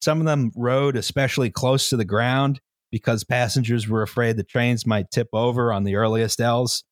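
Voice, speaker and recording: A man's voice: medium pitch, steady tone, moderate pace, no echo. Man explaining in a dry recording. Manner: explains at length, tags lines with "right?", many fillers. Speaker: podcast host presenting the history. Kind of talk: casual history podcast chat.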